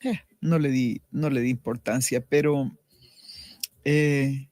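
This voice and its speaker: A woman's voice: extremely low pitch, fairly even intonation, slow pace, warm tone, dry recording, clean studio sound. A middle-aged woman giving a personal faith testimony as a radio interview guest, earnest and reflective, often restarting her sentences.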